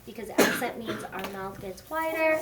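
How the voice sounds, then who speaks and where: A woman's voice: fairly high pitch, expressive, normal speed. Female classroom teacher, patient and corrective, recorded from across an echoey room with heavy noise. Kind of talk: classroom instruction. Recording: echoey classroom, far mic, loud noise.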